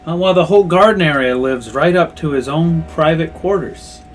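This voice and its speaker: A man voicing a courtly, sly dragon noble in a tabletop game, with slow, theatrical, drawn-out phrasing. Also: a little high, faint music behind, close to an everyday voice. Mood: proud, savoring. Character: courtly, sly old dragon noble, savoring every word. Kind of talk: tabletop role-play.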